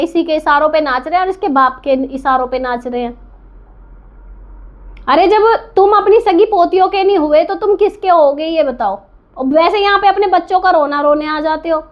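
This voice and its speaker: A reaction vlogger with a very high-pitched voice delivers an indignant, scolding commentary to camera, firing off rhetorical questions. She is defiant and repeats her points for emphasis, and the sound is lo-fi.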